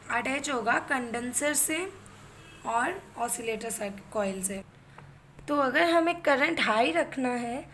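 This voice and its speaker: Slight background noise accompanies this high-pitched, fairly bright female voice. An instructor of physiotherapy with an Indian accent, she explains concepts while switching between two languages and regularly checking in with her listener.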